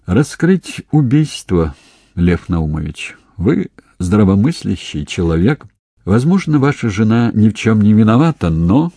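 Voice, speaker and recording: A man voicing a calm, wry young police investigator with a dry, ironic manner, in an audiobook. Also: on the low side, measured pace, slightly rough, no room sound, pitched above the performer's own voice, full character voice.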